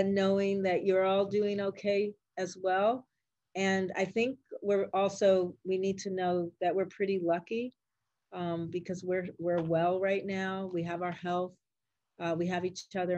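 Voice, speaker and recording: This interviewed doctor, an older grandmother from Puerto Rico or a Puerto Rican family with Spanish and English as first languages, speaks casually in a medium-pitched, slightly mellow voice. She keeps her answers simple and encouraging for a young audience. The sound is dull and free of echo.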